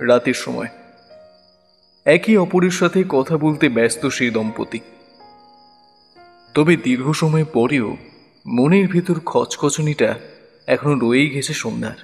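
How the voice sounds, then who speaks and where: A man narrating an audio drama in a measured storytelling manner. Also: medium pitch, gravelly, long reverb tail, soft background music.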